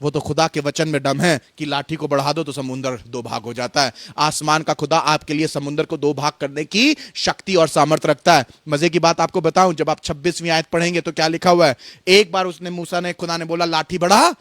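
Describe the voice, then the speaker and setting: A male pastor preaching a sermon, telling stories with lively acted dialogue and reading scripture aloud. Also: fairly high pitch, brisk, no echo, clean studio sound. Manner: animated storytelling preacher, voices animals and God in dialogue. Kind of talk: Hindi sermon.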